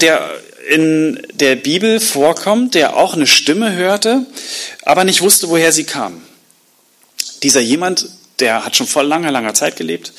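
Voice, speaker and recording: A man preaching a sermon, retelling a Bible story in a lively, colloquial way and acting out the quotes. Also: on the high side. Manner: colloquial asides. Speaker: pastor.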